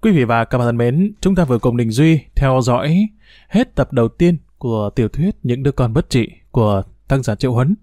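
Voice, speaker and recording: A man reading a novel aloud as a storyteller, in a measured, formal narrating manner. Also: medium pitch, animated, mellow, no room sound. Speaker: storyteller, audiobook reader.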